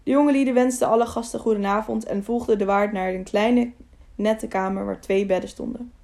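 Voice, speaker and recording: A woman narrating a children's novel as an audiobook in a steady, measured way. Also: mid-range voice, creaky. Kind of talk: storybook narration.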